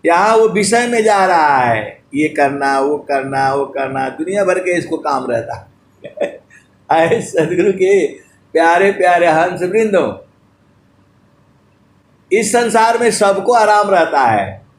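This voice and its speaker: A man giving a devotional sermon, drawing out sung verses slowly and turning fondly to his listeners between them. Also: sits high, expressive, echoey room, slight background noise. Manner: slow drawn-out chanting of verses between spoken teaching. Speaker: spiritual preacher.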